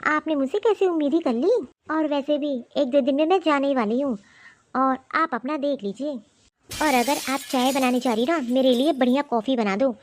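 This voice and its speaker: A woman's voice: high-pitched, moderate pace, lightly acted. A woman voicing a spoiled, lazy young daughter-in-law in a cartoon, with a haughty, demanding way of talking. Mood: scornful. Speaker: voice actor. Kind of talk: cartoon voice acting.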